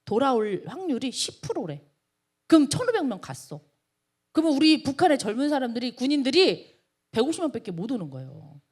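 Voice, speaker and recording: A woman pastor delivers a sermon in a high, bright voice that swings widely up and down. She preaches emphatically and keeps tossing rhetorical questions at her listeners. Her delivery surges suddenly as she presses each point home. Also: very animated, a little fast. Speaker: pastor of a college ministry.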